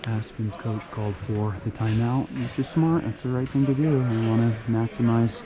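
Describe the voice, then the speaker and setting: A man giving amateur play-by-play of a youth hockey game from the stands, getting worked up and shouting encouragement between chatty, joking asides. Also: mid-range voice, normal speed, crowd noise. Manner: chatty asides with dry jokes. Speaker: parent play-by-play commentator. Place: stands of an indoor ice rink. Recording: loud rink background noise.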